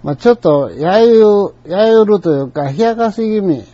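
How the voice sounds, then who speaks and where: An older man with a Kansai accent recounts a personal anecdote in a chatty, digressive way. His voice sits a little high yet sounds soft and mellow. The recording is dull and lo-fi. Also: expressive, normal speed, no echo. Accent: Kansai Japanese. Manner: chatty storyteller, colloquial and digressive.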